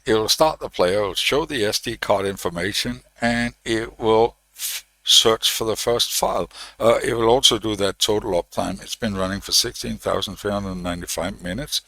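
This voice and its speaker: A man hosts an electronics tutorial, casually thinking aloud through his project with frequent "uh"s and restarts. His fairly low voice is gravelly yet fairly bright in tone, recorded with no room sound on a desk microphone that gets switched on and off.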